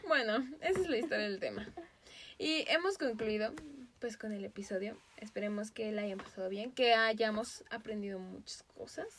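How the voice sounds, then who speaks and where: A woman with a Mexican Spanish accent, hosting a podcast and telling a story in a casual, animated way, often breaking into laughter. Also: medium pitch, normal speed, slight background noise. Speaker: podcast host.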